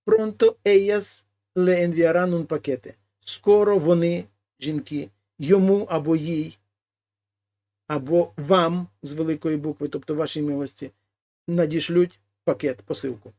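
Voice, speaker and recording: Man, fairly high voice, language teacher, reads phrases then explains, patient lesson pace. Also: darkish tone. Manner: reads each Spanish phrase, then translates it slowly and explains. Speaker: Spanish teacher.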